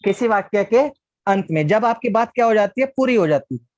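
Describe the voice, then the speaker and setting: A man's voice: high-pitched, animated, a little fast, a little mellow, dry recording. Man teaching an online class. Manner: patient, asks class questions and answers them himself. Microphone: video call. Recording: dull lo-fi online class audio.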